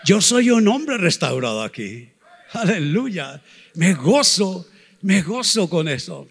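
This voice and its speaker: A man preaching a sermon to a congregation, slow and emphatic, building to shouted repetitions and asking them to repeat after him. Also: high-pitched, big pitch swings, creaky, husky, in a large hall. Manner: asks the congregation to repeat phrases. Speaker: pastor.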